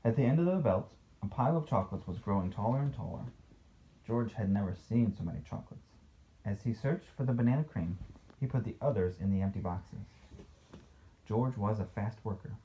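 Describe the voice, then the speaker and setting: In a dull, noisy home recording, a dad reads a picture book to a child and teasingly critiques it as they chat. His lowish voice is warm and expressive, moving a little fast.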